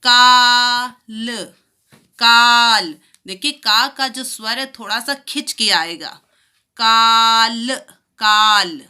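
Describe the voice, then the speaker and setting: A woman teaching a children's lesson, slowly stretching out each sound so young pupils can repeat it after her. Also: on the high side, bright, forceful tone. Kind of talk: primary school lesson.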